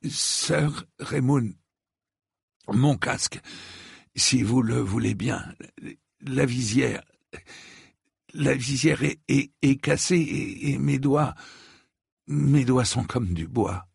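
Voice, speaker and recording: Un homme jouant un prince blessé, voix épaisse. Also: male voice, mid-range voice, creaky, darkish tone, breathy edge, dry recording, studio quality, voice pushed up, full character voice. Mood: weary, strained. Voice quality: thick, metallic voice. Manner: halting, stammering speech. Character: wounded dying prince, knight, man, noble.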